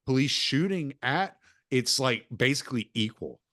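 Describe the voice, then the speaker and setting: A man hosting a casual interview podcast, talking in an opinionated, lively way. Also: mid-range voice, moderate pace, no echo, clean studio sound. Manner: opinionated, animated when quoting others. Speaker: podcast host. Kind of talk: casual conversation.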